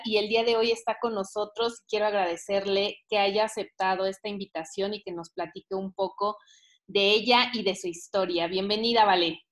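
A woman hosting an interview show, introducing her guest slowly and with emphasis. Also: medium pitch. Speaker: host. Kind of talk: podcast introduction.

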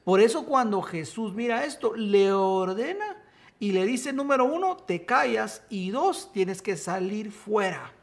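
A man's voice: sits high, lively intonation, a little slow. A man preaching and teaching from the Bible, emphatic, rising to exclamations. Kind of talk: sermon-style Bible teaching.

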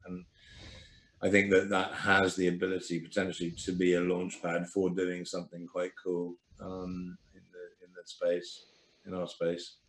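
A podcast guest with a deep, flat voice rambles through a casual interview in an echoey space, using lots of fillers and restarts.

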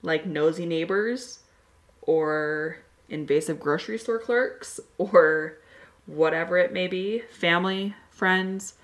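A woman's voice: fairly low pitch, slow. A woman co-hosting a podcast, talking in a casual, conversational way. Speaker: podcast co-host.

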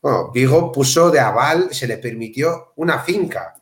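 A man with a medium-pitched voice chats easily as co-host of an interview. His voice carries a clear room echo. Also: animated, moderate pace. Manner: chatty, laughs between points. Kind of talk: casual interview chat. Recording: roomy echo.

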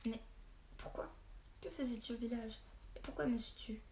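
A woman's voice: a little high, fairly even intonation, moderate pace, mellow, slight background noise, close to an everyday voice. A woman reading the part of a stubborn, questioning young boy in a story. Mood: puzzled. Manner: doubting, insistent.

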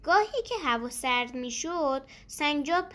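A woman narrating a children's story in a gentle, expressive way. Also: high voice.

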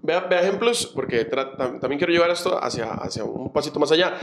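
A man, hosting a casual interview in a measured, conversational way. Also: fairly high pitch, lively intonation, fairly bright tone. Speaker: host.

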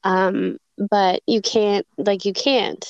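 Interview guest: woman, unhurried and hesitant, clean smooth voice, dull lo-fi recording. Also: mid-range voice, fairly even intonation, a little mellow, no room sound. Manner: reflective, hesitant, many fillers and restarts. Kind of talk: podcast interview, recounting a personal story.

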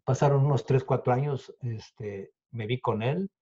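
In an unhurried, mellow voice of medium pitch with a breathy edge, a Mexican guest illusionist in his fifties tells an animated story in conversation. He acts out what people said and swears freely, and the lo-fi recording sounds dull.

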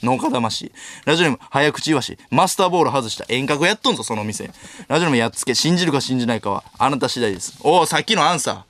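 A man in his twenties with a Kansai accent, hosting a late-night radio show alone, reading listener mail rapid-fire and snapping back sharp comic retorts. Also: mid-range voice, animated. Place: radio studio. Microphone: studio microphone.

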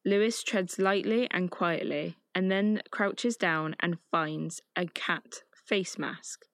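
A woman's voice: lowish voice, slow pace, no room sound, studio quality. Chatty woman recapping a film. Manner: chatty and emotive, with fillers like "like". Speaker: film reviewer. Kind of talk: casual film plot recap.

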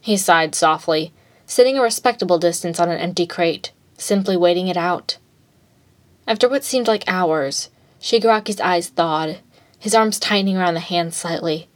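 Woman reading fan fiction, lower voice. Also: moderate pace. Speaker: narrator.

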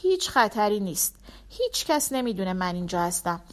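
A woman's voice: medium pitch, very animated, close to an everyday voice. Woman doing a resigned, dying young man. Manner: weak, resigned.

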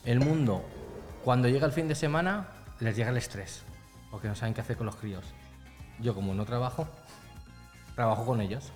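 Man from Spain, podcast co-host, loose rambling storyteller, average pitch, echoey room. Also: fairly quick, pauses often, a little mellow, faint music behind. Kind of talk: comedic podcast banter.

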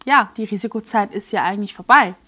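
A woman guest on a podcast telling a personal story in an earnest, emotionally charged way, halting with fillers and restarts. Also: medium pitch, bright, forceful tone, slightly rough.

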